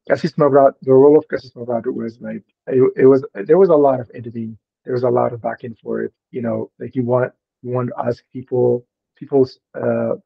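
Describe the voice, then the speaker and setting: A man's voice: mid-range voice, gravelly, breathy edge. A young man speaking as an interview guest over a video call, hesitant, with many fillers and restarts. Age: young adult. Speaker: guest, deacon. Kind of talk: conversational interview. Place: small room at home. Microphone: laptop mic on a video call. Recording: dull lo-fi video-call audio.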